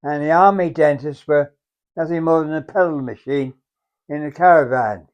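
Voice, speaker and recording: Very old man, English accent, war veteran's reminiscence, fairly high-pitched, halting and reflective, muffled lo-fi recording. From England. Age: very old, around 100. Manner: very old man's halting, reflective delivery with repeated phrases. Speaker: war veteran recalling his service. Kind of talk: unhurried oral-history reminiscence. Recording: dull, muffled lo-fi sound.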